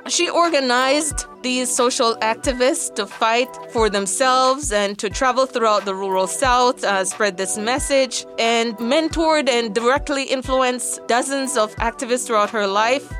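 A woman's voice: on the high side, unhurried, a bit bright, faint music behind. Woman lecturer with a Jamaican accent. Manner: explanatory, checks in with "right?" and "you know". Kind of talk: conversational educational lecture.

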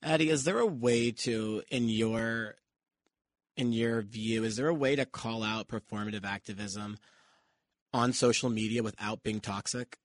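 A man hosting a radio panel discussion, introducing guests with measured, courteous questions. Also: on the low side, no room sound, studio quality. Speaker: radio show host.

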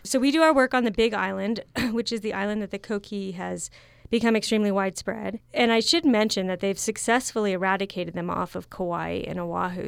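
A woman's voice: medium pitch, creaky, clear, resonant tone, no echo. A woman speaking as an ecologist guest, explaining her research in an informal, conversational way. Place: radio studio.

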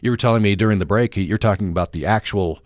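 Man, low pitch, radio host, casual interview, hesitant phrasing, dry close mic. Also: no echo. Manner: halting, hesitant, tentative phrasing. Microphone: close studio broadcast microphone.

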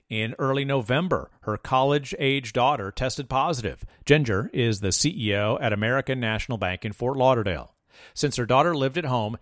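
A man's voice: medium pitch, no room sound. Man reading a news report, dry. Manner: measured, even reading. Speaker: radio reporter. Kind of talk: scripted news narration.

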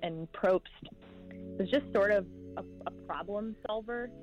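A woman's voice: medium pitch, unhurried, a little mellow, dull audio, soft background music. A woman co-hosting a podcast, explaining in an easygoing narrative way. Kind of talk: casual narration.

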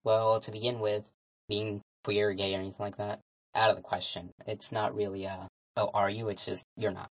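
A teenager in a recorded interview clip, speaking in short, halting phrases through a voice altered and pitched down for privacy. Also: flat delivery, no echo. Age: late teens. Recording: dull, lo-fi disguised audio.

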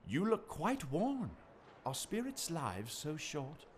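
An actor playing the old miser Scrooge in a radio play, exclaiming and wondering aloud. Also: male voice, huge pitch swings, takes it slowly, slight background noise, exaggerated voice. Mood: startled. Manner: exclaiming, voice leaping high.

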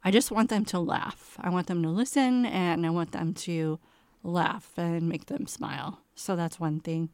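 A woman playwright talks about her writing in an interview, open and ready to poke fun at herself. Her voice is smooth and clean, sitting slightly low. The recording is close and dry, with no room sound. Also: a little slow, a little mellow, dry recording. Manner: candid, self-deprecating, laughs easily. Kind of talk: interview conversation.

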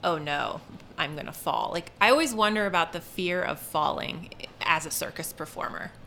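Bright-voiced woman asking curious questions. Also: fairly low pitch, moderate pace, gravelly, a little hiss or hum. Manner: conversational, curious, thinks aloud with "like". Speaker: podcast co-host. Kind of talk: interviewing a guest.

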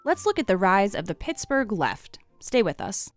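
A woman's voice: mid-range voice, sing-song, moderate pace, soft background music. A woman radio host reading scripted explanatory narration for a public radio podcast.

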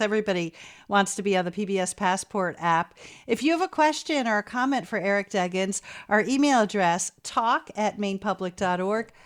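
A woman's voice: medium pitch, smooth. A woman hosting a live radio call-in program, introducing her guest and putting questions. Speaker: radio call-in show host.

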